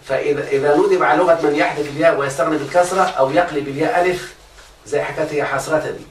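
A man with an Egyptian Arabic accent leads a religious grammar lesson at a brisk clip, his voice a little raised. He keeps checking whether his students follow him. He sounds distant from the mic in a large echoey room, with a faint hiss behind him. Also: on the high side, steady tone. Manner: keeps quizzing students, asking if they follow.

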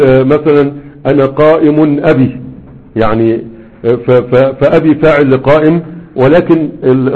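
A man with a fairly high, slightly rough voice and an Egyptian Arabic accent leads a grammar lesson, explaining things repeatedly and posing rhetorical questions to his class. The sound is tinny and phone-like.

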